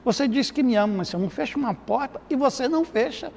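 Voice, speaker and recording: A middle-aged man, a pastor and therapist, telling a lively anecdote full of quoted dialogue in a TV studio interview. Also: very high voice, fast, gravelly. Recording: reverberant studio with faint noise.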